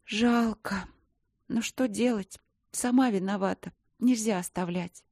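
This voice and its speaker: A woman's voice: measured pace, a little mellow, no room sound, clean studio sound. A woman voicing a chatty, impulsive young girl artist who pleads and chatters in a raised voice. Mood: chirpy. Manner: pleading, high-pitched chatter.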